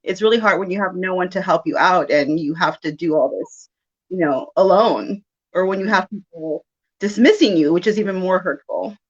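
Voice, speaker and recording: A South Texas woman in her thirties, a psychic medium, chats casually as an interview guest and laughs often. Her lowish voice is husky and moves at normal speed, and the recording has its highs cut off.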